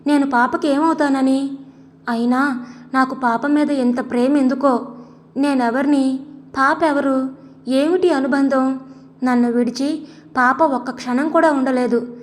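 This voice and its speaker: A woman voicing a tender young caretaker in an audio story, brooding slowly over her thoughts. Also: high voice, fairly even intonation. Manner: slow, brooding inner monologue. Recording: long echoey reverb.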